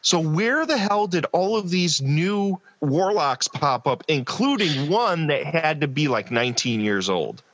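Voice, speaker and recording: A man's voice: a little high, lively intonation, a little slow, hardly any pauses, a bit bright, no room sound, lo-fi sound. A man hosting a casual film discussion, ranting in an emphatic, incredulous and profane way. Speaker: podcast host reviewing films.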